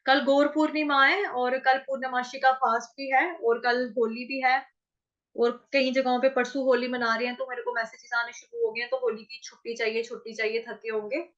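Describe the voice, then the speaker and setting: A woman's voice: fairly high pitch, flat delivery, normal speed, a bit bright, highs cut off. A woman teaching an online chanting class, breaking verses into syllables and repeating each word many times. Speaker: Sanskrit recitation teacher.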